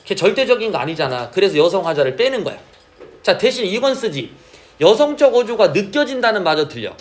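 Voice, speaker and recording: Lively high-voiced male teacher. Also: brisk. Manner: asks frequent check questions, drawls key terms. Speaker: Korean literature teacher. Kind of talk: classroom lecture.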